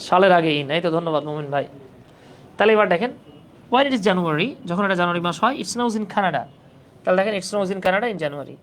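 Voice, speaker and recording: Slight background noise accompanies this live online grammar class for job exam preparation. The teacher's mid-range voice is animated and brisk, yet patient, repeating points and often making sure students understand.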